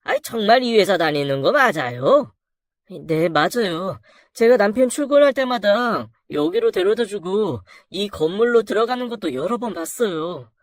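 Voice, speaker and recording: A storyteller voicing a wife who confronts her husband, raising the voice high and urgent. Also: lively intonation, normal speed, dry recording, clean studio sound, natural voice. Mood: anxious. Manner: urgent, indignant. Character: shocked, betrayed wife.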